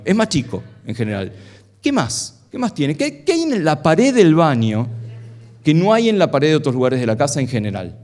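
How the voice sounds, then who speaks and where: A man's voice: a little high, darkish tone. A middle-aged man giving a playful live science talk on stage, asking the audience a stream of questions. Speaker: science lecturer.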